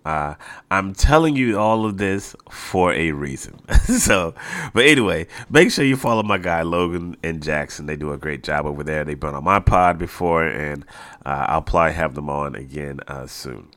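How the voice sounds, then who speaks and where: Deep-voiced, slightly nasal male podcast host. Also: normal speed, fairly bright tone, dry recording. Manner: informal, emphatic repetition of phrases. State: mildly congested from allergies. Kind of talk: casual solo sports podcast talk.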